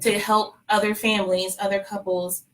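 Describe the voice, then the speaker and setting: A Texan woman tells her story in a relaxed live chat, her voice sitting at an ordinary middle pitch. She talks in a chatty, storytelling way and laughs easily, keeping the tone light. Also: moderate pace, low-quality recording. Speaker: fertility clinic staffer sharing her story. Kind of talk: casual chat on a live stream.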